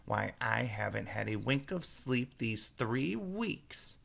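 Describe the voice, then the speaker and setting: A man puts on a fretful storybook mother pigeon. She complains with indignant drama and open contempt, stretching out her words in a gravelly, creaking voice. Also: mid-range voice, sing-song, slow, a bit bright, exaggerated voice. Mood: shrieking, fretful. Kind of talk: storybook read-aloud character voice.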